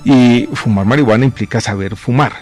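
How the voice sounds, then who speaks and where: A man in his forties, a government minister, answering radio interview questions in a measured, reflective way with many pauses and fillers. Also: mid-range voice, darkish tone, faint music behind. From born in Chile, raised in Colombia. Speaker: guest, health minister.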